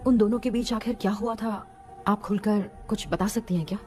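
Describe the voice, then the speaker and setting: An actress dubbing a direct, determined young woman exorcist who talks in a brisk, practical way. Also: mid-range voice, fairly even intonation, darkish tone, faint music behind, natural voice. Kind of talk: Hindi film dubbing.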